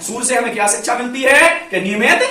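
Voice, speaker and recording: A male schoolteacher giving a moral lesson to pupils, asking questions and repeating key words for them to answer back, and saying English phrases slowly. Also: very high-pitched, sharp tone. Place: classroom, indoors. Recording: very echoey classroom from far off.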